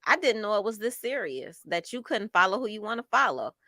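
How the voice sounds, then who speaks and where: A middle-aged woman co-hosting a casual chat show, reading viewer comments aloud and reflecting on them in a measured way. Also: medium pitch, very animated, bright, forceful tone, no room sound.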